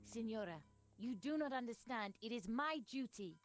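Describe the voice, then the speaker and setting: A woman's voice: a little high, lively intonation, normal speed, soft background music, close to an everyday voice. A woman voicing a bold young fighting ally. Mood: determined. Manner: blunt and determined.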